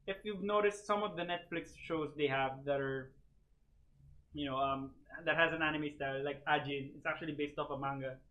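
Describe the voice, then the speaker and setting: A man's voice: fairly high pitch, steady tone, brisk, fairly bright tone, highs cut off. A man on a casual gaming podcast giving opinionated takes, thinking aloud with many fillers. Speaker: podcast co-host.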